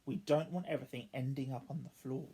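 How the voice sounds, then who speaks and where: Woman voicing a brisk, husky storybook mother elephant. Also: extremely low pitch, steady tone, warm tone, exaggerated voice. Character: brisk, firm mother elephant managing her lively children.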